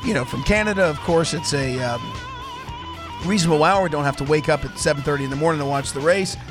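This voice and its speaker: A man with a slightly high voice talks fast, hoarse from laryngitis, with music playing in the background. He hosts a casual motorsport show on college radio through a studio microphone, rambling and frequently restarting his sentences.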